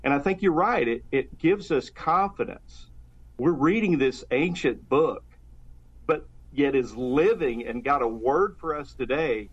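On a dull, lo-fi recording, a guest pastor discusses faith fervently and earnestly in casual talk, restarting sentences often. His medium-pitched voice is slightly rough, unhurried, and lively in intonation.

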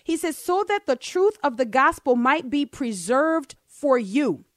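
A woman co-hosting a radio program, teaching scripture with rising fervor. She drives her points home by repeating phrases. Her voice sits fairly high and sounds dry and close. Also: animated, a little slow, no echo. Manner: emphatic, builds to fervent peaks, repeats phrases for emphasis. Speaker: radio show co-host. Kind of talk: impassioned radio Bible teaching. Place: radio studio.

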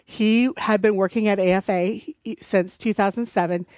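A woman's voice: mid-range voice, steady tone, moderate pace, darkish tone, no room sound. A woman from North Dakota with a slight, mixed North Dakota accent, speaking conversationally as a radio interview guest. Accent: North Dakota, mixed with other areas. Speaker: radio show guest, resource center director.

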